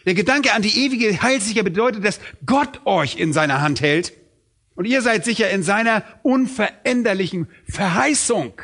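A man's voice: sits high, expressive, normal speed, a bit bright. A middle-aged man preaching a sermon, emphatic, asking questions and answering them himself. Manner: emphatic, asks and answers his own questions.

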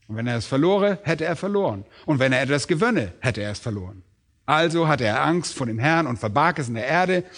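Guy preaching a sermon, emphatic and rhetorical, voice on the higher side. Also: a bit bright. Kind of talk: expository sermon.

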